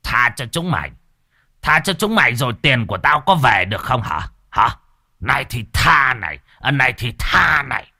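A man voicing a furious, greedy old village chief who snarls and shouts abuse at his servants. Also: mid-range voice, big pitch swings, normal speed, husky, voice pushed up, exaggerated voice. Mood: raging, abusive. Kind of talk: storytelling voice acting.

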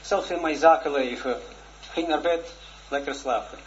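A man in his forties, a religious teacher, giving a shy, earnest personal testimony in a lesson, halting and full of restarts. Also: a little high. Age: 40s. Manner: halting, hesitant, with many restarts. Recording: dull lo-fi recording with faint noise.

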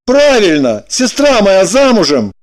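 A man's voice: high voice, wildly swooping pitch, a little slow. A man voicing a dry, sardonic man in an audiobook, matter-of-fact and mocking.

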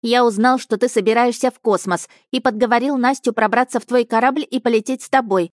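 Young boy, timid and eager, high shaky voice, voiced by a woman reader, audiobook. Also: fairly quick, no room sound, clean studio sound, natural voice. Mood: nervous. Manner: shaky, pleading, high childlike voice. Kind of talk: audiobook character reading.

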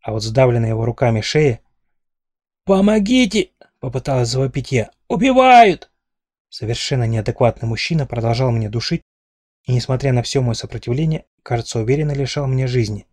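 A man narrating an audiobook in an even, measured storytelling manner. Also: mid-range voice, no room sound, clean studio sound. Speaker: audiobook reader. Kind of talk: scripted narration.

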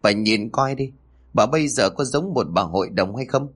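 A man's voice: medium pitch, lively intonation, normal speed, slightly rough. A man voicing a stern elderly landowner who scolds his wife with authority. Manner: stern, commanding, reproachful.

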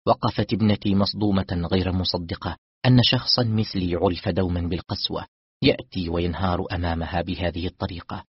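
Low raspy guy narrating a novel, slow and somber, muffled lo-fi dry audio. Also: steady tone, no room sound. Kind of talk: first-person novel narration. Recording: dull lo-fi dry recording.

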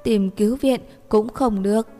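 A woman's voice: medium pitch, normal speed, mellow, natural voice. A woman voicing a drunk, stubborn young woman who talks in a clingy, bossy way. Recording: reverberant room with faint music.

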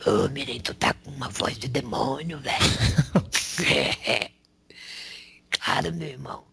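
A man channeling a male spirit who preaches in a slangy, raspy whisper, tagging lines with rhetorical questions. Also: medium pitch, takes it slowly, sharp tone, slight background noise, exaggerated voice. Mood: preaching. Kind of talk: spiritual counsel.

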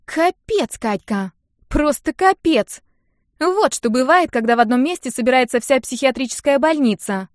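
A woman reading an audiobook voices a brash, sharp-tongued young woman friend who talks loudly and mockingly. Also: high-pitched, expressive, moderate pace, dry recording, clean studio sound, voice pushed up. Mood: indignant. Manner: loud, indignant, mocking.

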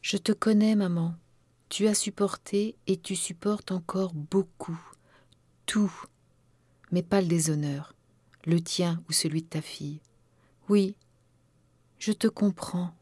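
A woman's voice: medium pitch, steady tone, normal speed, hardly any pauses, close to an everyday voice. A woman voicing a troubled young woman's anxious inner thoughts in an audiobook. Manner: soft, inward, anxious.

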